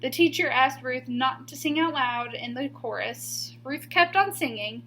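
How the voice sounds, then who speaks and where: Reading a picture book to children, a high-voiced woman uses a teacher's expressive delivery, with deliberate pauses and emphasis on key words. Faint noise and hum can be heard behind her.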